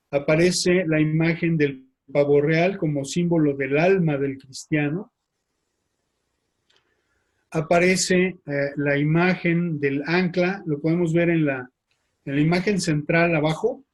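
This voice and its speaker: A man, a priest with a Mexican Spanish accent, giving a slide lecture, speaking haltingly with frequent fillers and tag questions. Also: a little high, darkish tone. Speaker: priest teaching.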